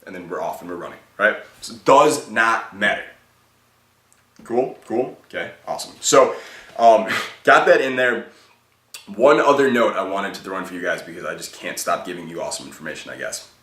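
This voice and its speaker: A man's voice: low voice, moderate pace, sharp tone. A young man giving casual dating advice in a laid-back, chatty way, peppering his talk with "like" and "okay?". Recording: echoey room, mic at a distance.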